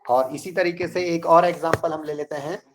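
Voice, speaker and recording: A man teaching an online math class in a slow, deliberate way, reading out numbers digit by digit. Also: fairly high pitch, fairly even intonation.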